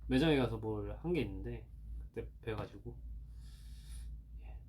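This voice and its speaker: A man's voice: lowish voice, normal speed, darkish tone, a little hiss or hum. A man in his twenties co-hosting a livestream, talking in an easygoing, conversational way. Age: 20s. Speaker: livestream co-host. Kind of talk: casual chat.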